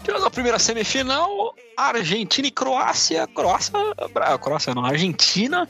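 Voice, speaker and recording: A Brazilian man hosting a sports podcast in a lively presenting style. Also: very high voice, moderate pace, vocal fry. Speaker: podcast host. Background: music.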